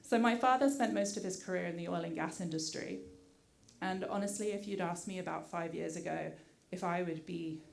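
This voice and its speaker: Speaking fairly quickly in a gravelly, fairly low voice, the director of community affairs delivers prepared remarks at a community meeting. She grew up in the UK and has a British accent with an American mix, sounding polite and thankful while saying "uh" a lot.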